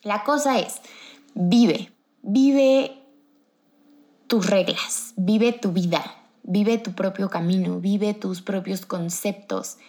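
A woman's voice: medium pitch, slow, darkish tone. An upbeat woman with a Mexican accent hosts a motivational podcast. She is chatty and talks straight to her listener. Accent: Mexican Spanish. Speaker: podcast host.

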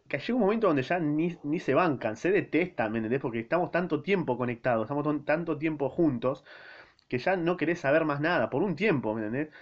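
Argentine male podcast host, casual slangy book recap, rambling. Dull lo-fi sound. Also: mid-range voice. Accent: Argentine Spanish. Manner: slangy, rambling, self-interrupting. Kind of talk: casual spoken book summary. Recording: dull lo-fi recording.

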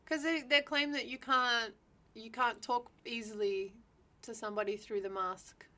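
Bright, high woman. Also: steady tone, normal speed. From Australia. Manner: playful, teasing. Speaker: podcast co-host. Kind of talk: casual chat.

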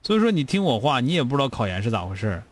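A man's voice: medium pitch, sing-song, very fast. A man with a Northeastern Chinese accent hosting a call-in advice show, blunt and scolding, firing rhetorical questions. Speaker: radio call-in show host.

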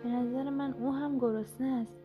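A woman's voice: high-pitched, fairly even intonation, narrow, tinny audio, voice pushed up, close to an everyday voice. A woman voicing a stubborn old village grandmother who talks bluntly, with music behind.

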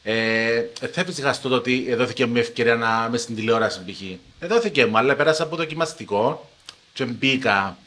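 A young man from Paphos with a Cypriot Greek accent, a TV journalist telling his story in a casual podcast interview with emphatic, animated delivery. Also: medium pitch. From Paphos, Cyprus. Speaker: TV journalist guest.

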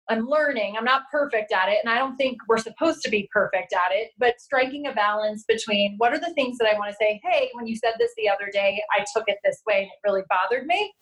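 A woman in her thirties, a relationship coach talking in a casual interview, animated and acting out quoted lines. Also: on the high side, poor audio. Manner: animated, quick asides, acts out quotes. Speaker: heartbreak coach, guest.

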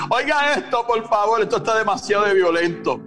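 Male pastor, very high voice, fiery sermon delivery, shouts and call-outs, faint music behind. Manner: exclamatory, calls out to listeners by name; bursts into shouts.

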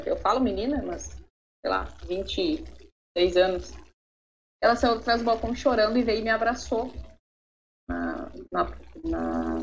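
A Brazilian woman in her thirties, an interviewee telling personal stories in an earnest way and often tagging her sentences with a questioning word. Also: mid-range voice. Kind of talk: reflective personal storytelling. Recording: slightly dull audio with faint noise.

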